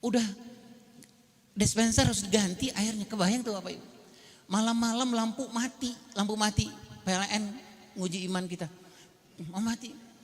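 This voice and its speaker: A man with a notably high voice gives a lively parenting talk, joking at his own expense as he speaks to the parents. His voice carries a long reverb, as in a large hall. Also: moderate pace, pauses often. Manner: humorous, self-mocking storytelling, often addresses the audience directly.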